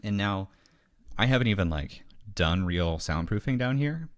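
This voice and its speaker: A man's voice: fairly low pitch, lively intonation, moderate pace, no room sound, clean studio sound. A man from the American Midwest, a podcast guest, chatting casually and animatedly, acting out little quoted dialogues. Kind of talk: casual interview chat. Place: home basement studio.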